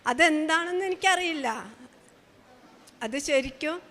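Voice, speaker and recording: A woman giving an emotional, halting personal testimony at a shrine. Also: high-pitched, bright, forceful tone, long reverb tail.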